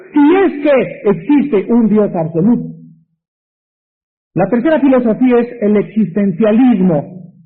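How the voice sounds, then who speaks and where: Man, Mexican accent, pastor preaching, very high voice, emphatic, rhetorical questions, tinny phone-like audio. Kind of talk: sermon.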